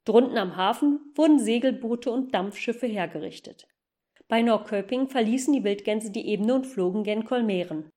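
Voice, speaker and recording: High-voiced woman reading a storybook. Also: dark tone. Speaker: reader.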